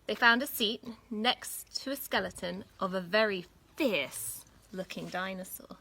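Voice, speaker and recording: As a school storyteller, a woman with a mid-range, pushed and bright voice reads a children's story expressively. Her phrasing is dramatic and deliberate for young listeners.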